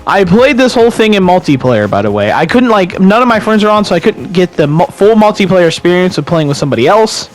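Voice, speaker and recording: A man's voice: high voice, sing-song, fast, few pauses. A young man giving casual, rambling commentary over his own farming game footage, swearing freely and restarting his sentences. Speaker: gaming YouTuber.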